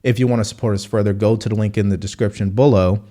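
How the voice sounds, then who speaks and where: A man's voice: on the low side, fairly even intonation, quick pace, mellow. A man hosting political commentary in a casual, emphatic and combative way, with scorn in his delivery. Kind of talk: casual opinion commentary over news clips.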